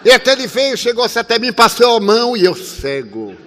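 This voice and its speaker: An older man in his eighties preaches in a high, bright voice that rings with a long hall reverb. He tells his story animatedly, dropping to a hush and rising again as he acts out each exchange. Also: fairly quick. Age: 80s. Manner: animated, swings from loud to soft, acts out dialogue. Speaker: spiritist speaker. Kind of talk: sermon with storytelling.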